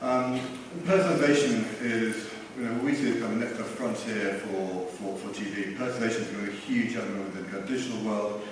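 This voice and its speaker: On a conference panel, a tech co-founder speaks fast in a lowish voice, hesitant and leaning on "kind of" and "you know." He's captured from far off in a large, echoey conference hall with faint noise.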